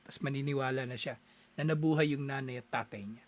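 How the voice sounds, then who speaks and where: A man from the Philippines giving a casual, animated talk, chuckling often and acting out little exchanges as he explains. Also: medium pitch, a little fast.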